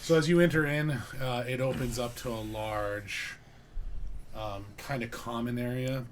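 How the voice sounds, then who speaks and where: A man's voice: mid-range voice, steady tone, a little slow, slight background noise. A man narrating as game master of a tabletop role-playing game, describing scenes loosely with many fillers.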